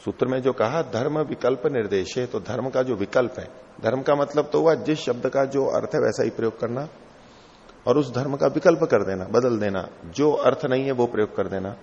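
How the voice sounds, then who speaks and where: A man's voice: medium pitch, normal speed, a little mellow. A middle-aged man teaching a classical text, explaining each term patiently and going over it again. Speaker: teacher of philosophy. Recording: lo-fi hall recording with long reverb.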